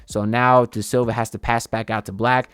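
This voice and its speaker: Male film analyst, casual play-by-play breakdown, energy rising, mid-pitched voice, dry voice-over. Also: moderate pace, clear, resonant tone, dry recording. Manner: animated, builds excitement over big plays.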